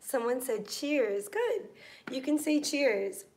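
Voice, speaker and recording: A woman's voice: high-pitched, big pitch swings, takes it slowly, darkish tone. A young American woman teaching English in a live online class, patient and encouraging, reading out students' comments. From United States.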